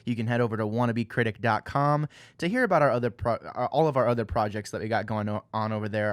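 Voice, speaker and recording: Low-voiced man hosting a casual podcast. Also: no echo. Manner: rambling, filler-heavy, friendly. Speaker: podcast host.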